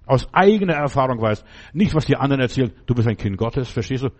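Fast and with lively intonation, a medium-pitched, slightly mellow male voice delivers an emphatic sermon. He speaks straight to the listener, asking over and over if they understand, in a fervent preaching style.

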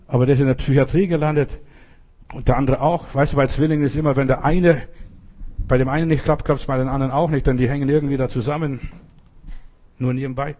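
A man's voice: medium pitch, fairly even intonation, fast, mellow. A man preaching in an informal sermon style, earnestly talking straight to the listener. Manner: earnest, addresses listener directly. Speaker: evangelist preacher.

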